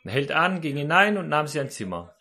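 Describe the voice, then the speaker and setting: A man's voice: a little high, sing-song, a little fast, pushed and bright. A man preaching a sermon, telling a story and speaking directly to his listeners.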